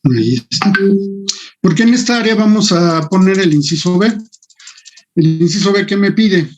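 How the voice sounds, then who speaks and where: A man's voice: sits high, lively intonation, normal speed, low-quality recording. A man teaching an online engineering class, thinking aloud and muttering to himself as he works on screen. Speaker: engineering lecturer.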